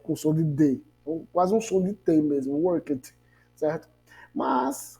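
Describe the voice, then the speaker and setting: An English teacher gives a grammar lesson, asking rhetorical questions and drilling example phrases slowly. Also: medium pitch, mellow, poor audio.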